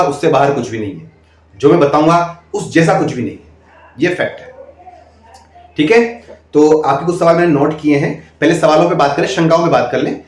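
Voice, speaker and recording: A man coaching interview candidates in speech, emphatic and repetitive, often asking "okay?". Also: a little high. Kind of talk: direct-to-camera coaching talk. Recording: echoey room.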